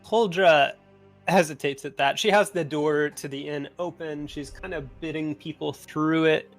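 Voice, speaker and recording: A man narrating as game master in a tabletop game, rambling with frequent pauses and restarts. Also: a little high, fairly even intonation, soft background music. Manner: rambling, many uhs and restarts.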